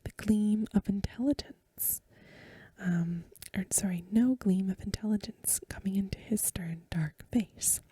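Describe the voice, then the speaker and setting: An ASMR host, a woman, whispers a short story aloud as a soft-spoken bedtime reading. Her mid-range voice is breathy and very dark, and her narration is gentle, unhurried, and literary. The recording is dry and made on a close microphone.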